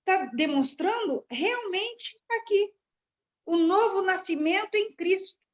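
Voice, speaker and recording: High-voiced woman commenting on scripture. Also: animated. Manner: searching, halting delivery with restarts. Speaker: class participant. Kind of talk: Bible study commentary. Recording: dull lo-fi sound.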